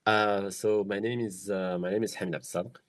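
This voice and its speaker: A young man from Morocco, a woodworker, speaking thoughtfully in a documentary interview, with many pauses, fillers and restarts. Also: on the low side, steady tone. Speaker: woodworker and small business founder.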